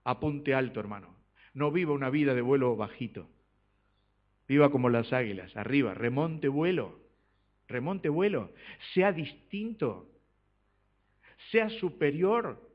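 A man preaching a sermon in church, swinging between loud exhortation and soft asides and asking the congregation rhetorical questions. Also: mid-range voice, lively intonation, unhurried, long pauses. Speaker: pastor. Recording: dull lo-fi recording.

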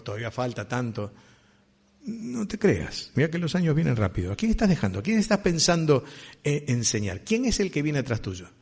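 A man's voice: on the high side, darkish tone, breathy edge. A man preaching a sermon with a Rioplatense Spanish accent, talking conversationally and asking his listeners questions. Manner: conversational, asks the congregation questions.

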